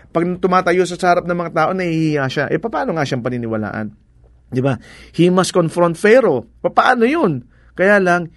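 A man's voice: high-pitched, no echo. A man with a Filipino accent preaching a sermon in a conversational way, slipping English into his talk and asking rhetorical questions.

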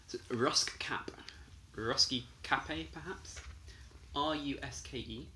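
Quiz host, man, bright tone, jokey; echoey room with faint noise. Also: medium pitch, slow. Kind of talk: casual game chat.

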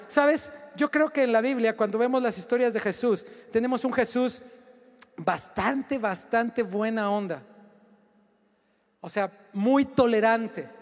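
A male preacher delivers a lively, joking sermon and keeps calling on the congregation to respond. His voice sits very high for a man. A long reverb from the large hall trails behind every phrase.

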